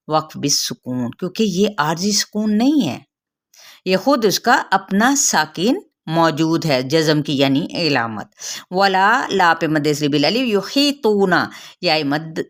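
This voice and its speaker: A woman with a Pakistani Urdu accent teaching a tajweed lesson, explaining each rule and then reciting the words slowly and drawn out to demonstrate. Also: on the low side, fairly bright tone. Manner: patient, repeats and stretches Arabic words to demonstrate.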